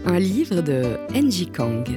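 A woman reading a picture book aloud in a gentle, deliberate way, pausing between short phrases. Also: lowish voice, very animated, over loud music. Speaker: storybook reader.

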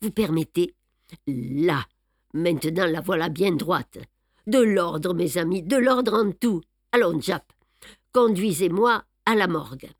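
A woman reading an audiobook, voicing a fussy, precise middle-aged male detective who speaks crisply and teases. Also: fairly low pitch, expressive, takes it slowly, no room sound, studio quality, full character voice. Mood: teasing, fastidious. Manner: crisp, teasing, orderly. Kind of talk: audiobook character voice.

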